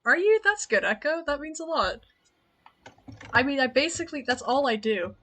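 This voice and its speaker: A woman's voice: high-pitched, lively intonation, normal speed, a bit bright. A woman streamer talking casually to her chat while playing a game, chatty and rambling, often laughing.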